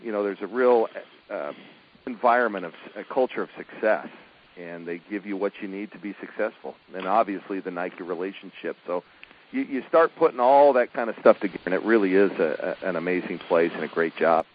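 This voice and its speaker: Middle-aged man, lowish voice, relaxed coach interview, muffled lo-fi line, faint hiss. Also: fairly quick. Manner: easygoing, chuckling, many fillers and restarts. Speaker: women's college basketball coach. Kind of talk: phone interview, casual chat.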